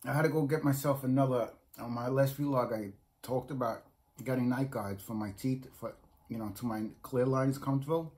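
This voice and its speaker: A darkish, mid-range voice belongs to a middle-aged New Yorker doing a relaxed food review vlog in a small room at home. He talks to a phone or webcam up close, rambling, repeating himself and frequently starting over mid-sentence.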